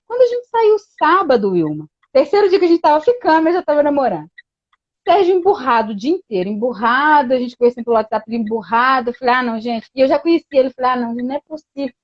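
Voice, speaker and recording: Woman guest, high voice, chatty storyteller, dull dry lo-fi sound. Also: very animated, fast, no room sound. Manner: storytelling with many quoted exchanges and frequent "né". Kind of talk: casual chat.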